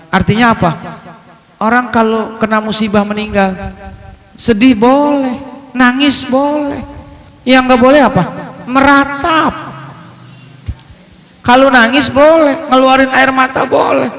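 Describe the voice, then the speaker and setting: Male preacher, high-pitched, jokey storyteller, quotes Arabic, reverberant hall. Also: little pitch movement, measured pace, pauses often, fairly bright tone. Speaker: Islamic preacher. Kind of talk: humorous sermon to a congregation. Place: mosque hall.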